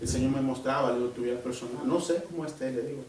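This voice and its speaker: A man preaching a sermon at church, emphatic and animated, often dropping into a hushed voice as he tells a personal testimony. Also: medium pitch, rapid-fire, slight background noise. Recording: very echoey church hall from far off.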